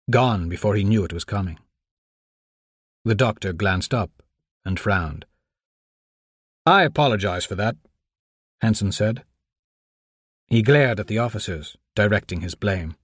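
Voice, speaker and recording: A man reading scripted audiobook narration in a measured, even storytelling manner on a close microphone. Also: on the low side, breathy edge, dry recording.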